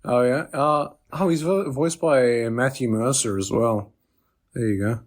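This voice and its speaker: A man's voice: medium pitch, unhurried. Man co-host tossing in questions. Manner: short agreeing interjections, questioning asides. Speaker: podcast co-host. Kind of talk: casual gaming podcast chat.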